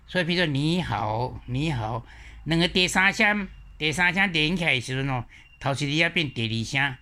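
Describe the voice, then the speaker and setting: A man with a Taiwanese accent giving an explanatory lecture, slowly repeating example words one at a time. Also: fairly high pitch, lively intonation, pushed and bright. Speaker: teacher.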